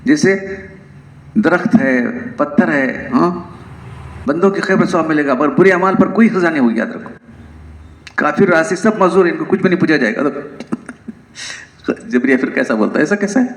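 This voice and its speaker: A man's voice: a little high, roomy sound, poor audio. A man giving a religious lecture, explaining points with rhetorical questions and the odd amused laugh. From South Asia. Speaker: religious teacher.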